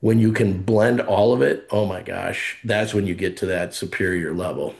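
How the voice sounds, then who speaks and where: A middle-aged man in a casual podcast conversation, an animated storyteller who acts out the voices he quotes. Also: deep voice, normal speed, vocal fry. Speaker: college athletic conference leader.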